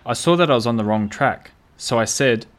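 A man narrating an audiobook in a measured, storytelling manner. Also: medium pitch. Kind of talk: scripted narration. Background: faint piano music.

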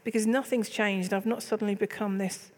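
A woman's voice: medium pitch, steady tone, fairly quick. Woman, middle-aged church leader, chatty and candid, host of a casual faith talk.

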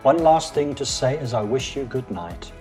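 A man's voice: mid-range voice, lively intonation, moderate pace, a little mellow, soft background music. Chatty man, enthusiastic, chuckles and rambles a bit, voice jumps around a lot. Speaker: host. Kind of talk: casual talk and poem reading.

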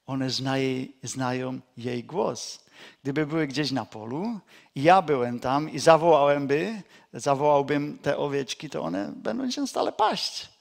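A man preaching a sermon as a pastor, slow and deliberate, repeating key phrases and dropping to a quiet, low voice for emphasis, with touches of folksy storytelling. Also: lively intonation, gravelly.

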